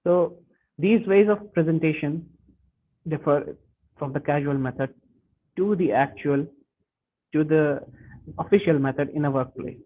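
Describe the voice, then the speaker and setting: A man presenting a webinar lesson, talking haltingly with frequent restarts and self-corrections. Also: a little high. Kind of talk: lecture on workplace communication. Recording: tinny phone-like webinar audio.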